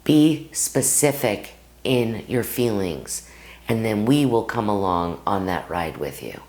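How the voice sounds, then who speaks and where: Low, lively-voiced woman acting coach. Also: slow pace. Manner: lively, addresses viewers as "guys", acts out anecdotes. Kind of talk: direct-to-camera acting lesson.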